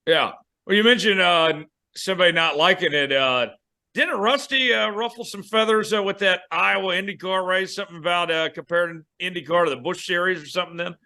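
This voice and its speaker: Bright-voiced man asking long questions. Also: sits high. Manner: asks long questions with many "uh" pauses. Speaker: radio and TV host, co-host. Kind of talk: casual podcast chat.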